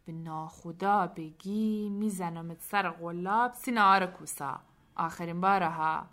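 A woman voicing a grumpy, greasy old engine man, grumbling slowly. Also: medium pitch, steady tone, sharp tone, clean tone, close to an everyday voice.

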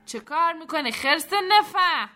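A woman voicing a cruel, hot-tempered male smuggler in an audio story, shouting and frantic. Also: very high-pitched, expressive, pitched above the performer's own voice, full character voice. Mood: furious.

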